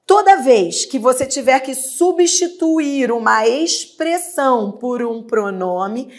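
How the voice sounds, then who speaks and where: A woman teacher with a Brazilian Portuguese accent, giving a grammar lesson and asking and answering her own questions. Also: on the high side. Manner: patient, drawn-out explanations, asks and answers her own questions. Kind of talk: exam-prep grammar lesson.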